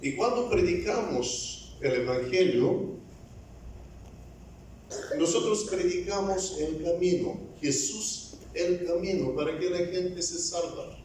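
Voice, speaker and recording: An evangelist preacher delivers a church sermon slowly and deliberately, a little haltingly, as though still finding his way in the language. His voice is high-pitched and a little mellow. It reaches the mic from some distance and rings through a very echoey room over faint ambient noise.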